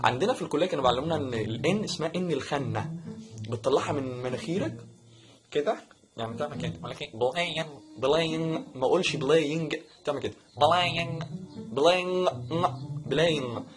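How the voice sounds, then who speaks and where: Fast-talking Egyptian man teaching pronunciation. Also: medium pitch, over music. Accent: Egyptian Arabic. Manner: joking, animated, mimics wrong pronunciations. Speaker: English teacher, channel host. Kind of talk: casual video lesson.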